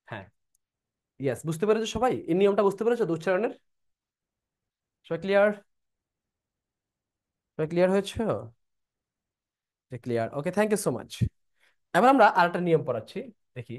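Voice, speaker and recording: Male tutor, pitched a bit high, drills rules over and over in a prep class. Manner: repeats rules, checks if students are clear. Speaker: teacher. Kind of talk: online admission-prep lesson.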